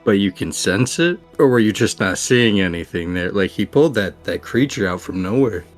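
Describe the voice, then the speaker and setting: Low-pitched man playing a tabletop game. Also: lively intonation, normal speed, soft background music. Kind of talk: casual in-game chat.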